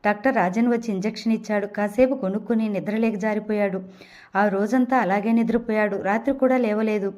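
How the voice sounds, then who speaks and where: A woman reading an audio novel aloud as its narrator, in steady storytelling. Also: mid-range voice, brisk. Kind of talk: scripted narration.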